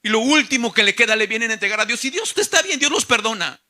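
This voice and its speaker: A male pastor preaching a sermon with passion, swinging from hushed to emphatic. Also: very high-pitched, lively intonation, quick pace.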